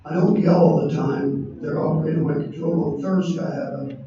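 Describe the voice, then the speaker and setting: A hoarse man in his sixties from Indiana, giving an earnest acceptance speech as a coach inducted into a hall of fame. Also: fairly high pitch, fairly even intonation, moderate pace, mellow. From Indiana, USA. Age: 60s. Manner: earnest, lists names and values. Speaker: award inductee, basketball coach. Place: large banquet hall. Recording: echoey hall, distant muffled mic, faint noise.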